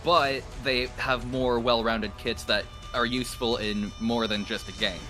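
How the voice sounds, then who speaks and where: A man's voice: mid-range voice, steady tone, measured pace, over music. A man from Canada casting a live game stream, explaining at length and laughing often. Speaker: esports caster. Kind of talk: casual live-stream commentary.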